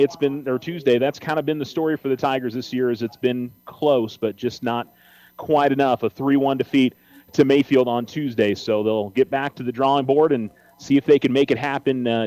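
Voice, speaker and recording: A man's voice: mid-range voice, darkish tone, low-quality recording. An American man hosting a sports radio show, talking off the cuff through baseball pregame commentary with frequent hesitations.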